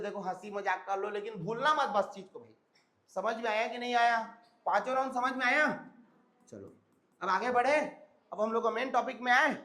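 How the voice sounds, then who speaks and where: A hoarse man teaching a grammar lesson to a class, often stopping to check whether students have understood. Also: very high voice, sharp tone. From India. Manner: repeats check-in questions to students.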